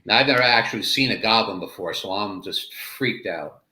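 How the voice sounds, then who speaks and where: A man playing a tabletop game in character, talking in a nervous, animated way. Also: on the low side, normal speed. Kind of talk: in-character play. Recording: echoey room with faint noise.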